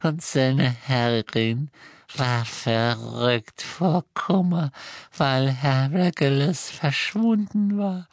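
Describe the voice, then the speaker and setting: A woman voicing a miserable old male house-elf in an audiobook, talking in a halting, sobbing way. The recording is close and dry. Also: very deep voice, no room sound, exaggerated voice. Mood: despairing. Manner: sobbing, halting, slow and heavy. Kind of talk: audiobook character reading.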